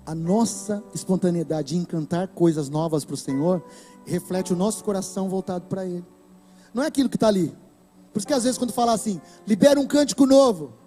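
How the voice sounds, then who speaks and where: A man with a Brazilian Portuguese accent preaching a sermon to a church, impassioned and breaking into shouts. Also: high voice. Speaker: pastor. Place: church hall.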